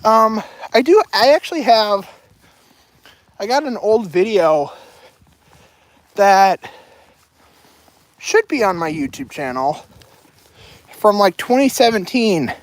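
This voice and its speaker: A woman's voice: medium pitch, no echo. A young adult woman chatting casually to her viewers while she walks outdoors with a loaded backpack, rambling from one topic to the next. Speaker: livestreamer. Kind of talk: casual walking livestream chat. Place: outdoors on a walk.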